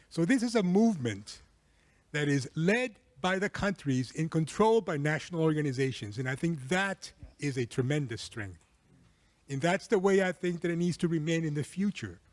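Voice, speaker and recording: A Peruvian man chairing a civil society network gives earnest, measured remarks on a conference panel, using frequent "um" fillers. His voice is a little high, and the recording, made in a conference hall, is dry.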